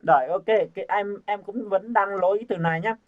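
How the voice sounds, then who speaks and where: A man from Vietnam with a high voice teaches English pronunciation to a group in a casual lesson, speaking fairly quickly. He coaxes his learners, repeating sounds over and over, on a dull lo-fi recording.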